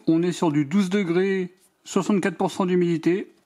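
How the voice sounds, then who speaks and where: High-voiced French man demonstrating a gadget. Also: steady tone, moderate pace, dark tone. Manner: matter-of-fact, reading out measurements step by step. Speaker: DIY product reviewer. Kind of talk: hands-on product demonstration voice-over.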